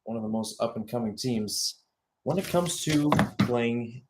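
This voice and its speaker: A young adult man calls a soccer match live, radio-broadcast style, at a measured pace and a middling pitch. He moves between tracking the play and chatting about it, and the recording is very noisy.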